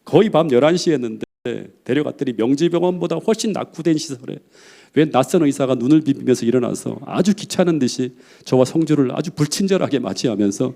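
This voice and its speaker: Man, pastor, storytelling sermon, gravelly, mellow dark tone. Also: medium pitch, expressive, a little fast. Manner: tells a personal story in a heartfelt, earnest way.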